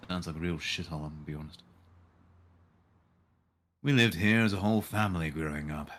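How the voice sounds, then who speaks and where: During a live stream, a man reads a visual novel out loud in a brisk, low voice, adding dry and irreverent asides as he goes. There's slight background noise.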